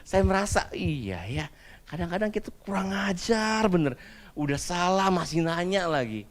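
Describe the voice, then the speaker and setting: A man's voice: high voice, lively intonation, measured pace. Chatty man preaching a casual sermon. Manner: chatty, mixes in English phrases and slang, acts out his child's whining.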